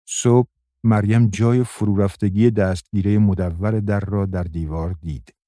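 A man reading a novel aloud in a steady, measured narration. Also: low-pitched, breathy edge, no echo, studio quality. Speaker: audiobook narrator.

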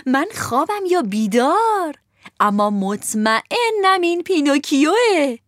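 A woman doing a loud theatrical puppet jester. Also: sits high, very animated, no room sound, studio quality, pitched above the performer's own voice. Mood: exuberant. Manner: dramatic, exclaiming.

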